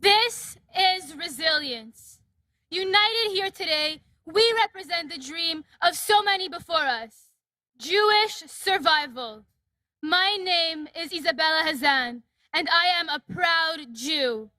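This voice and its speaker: A woman's voice: very high voice, expressive, slow, pushed and bright, no echo. A young woman giving an impassioned, declarative speech at a rally. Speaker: rally speaker. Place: outdoor rally.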